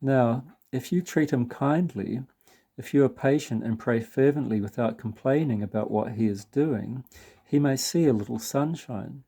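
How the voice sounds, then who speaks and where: Mellow-voiced man reading a spiritual book. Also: mid-range voice, husky. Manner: measured, earnest reading with occasional slips. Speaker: priest reading aloud.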